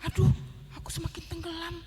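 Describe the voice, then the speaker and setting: A woman voicing a boastful little ant in a children's Bible story, with big swooping pitch leaps. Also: little pitch movement, quick pace, darkish tone, in a large hall. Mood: scared. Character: boastful little ant, later scared and sorry.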